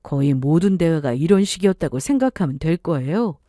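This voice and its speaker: A woman narrating a first-person story in a confiding, storytelling manner. Her voice is mellow and moves expressively up and down in pitch, recorded close and dry. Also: animated, fairly quick, no echo.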